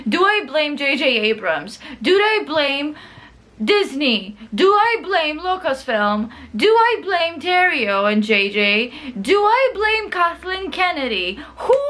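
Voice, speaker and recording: A young adult woman ranting in casual, sweary video commentary, sounding drunk, indignant and emphatic, with drawn-out words. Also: high voice, fairly bright tone. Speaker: film fan giving a rant.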